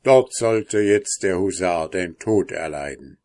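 A man reading a fairy tale aloud in a slow, measured way. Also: deep voice, lively intonation, a little mellow, no echo. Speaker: narrator.

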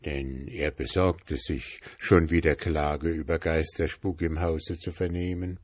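A man reading a folk tale aloud in a slow, even storyteller's manner. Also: a bass voice, no echo, clean studio sound.

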